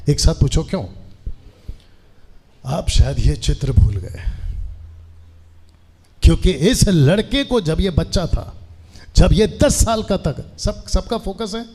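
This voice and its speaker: A man in his forties preaches to a seated church congregation, his voice husky and mellow and pitched a little high for a man. He keeps pulling the room in, asking them to answer together, and drops short English phrases between his lines. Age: 40s. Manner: asks the congregation to answer aloud, peppers Hindi with English phrases. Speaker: pastor. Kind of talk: sermon to a live congregation.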